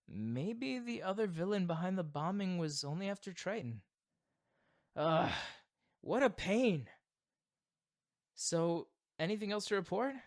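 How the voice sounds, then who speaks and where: A man acts out a proud young supervillain boyfriend for an ASMR roleplay. His delivery is slow and theatrical, with big swings in pitch. Under the villainous pomp he is teasing, doting and easily flustered. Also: lively intonation. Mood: pondering.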